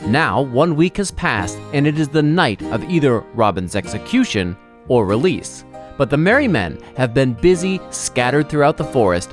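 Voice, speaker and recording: Male announcer, scripted narration, lively delivery, guitar bed. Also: medium pitch. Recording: guitar music underneath.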